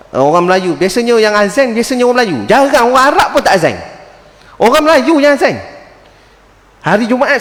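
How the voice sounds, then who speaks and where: A man's voice: high-pitched, big-room sound. A Malaysian man giving a Friday religious talk as a teacher, telling stories animatedly and acting out the voices of the people in them. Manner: animated storytelling, acts out quoted voices.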